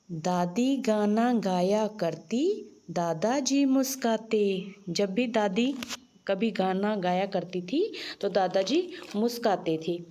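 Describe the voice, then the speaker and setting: A woman's voice: mid-range voice, dark tone. A woman teacher explaining a children's lesson, patiently asking questions and answering them herself. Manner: slow, patient, asks and answers her own questions.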